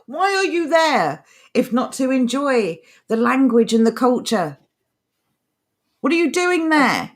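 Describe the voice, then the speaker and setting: A woman's voice: sits high, big pitch swings, takes it slowly. Indignant woman co-host. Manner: indignant, reads out chat messages. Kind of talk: opinionated casual chat.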